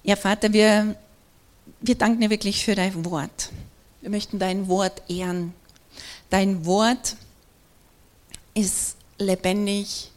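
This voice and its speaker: A woman's voice: mid-range voice, darkish tone. A woman preaching a sermon, praying and reading scripture in an earnest, conversational way with rhetorical questions.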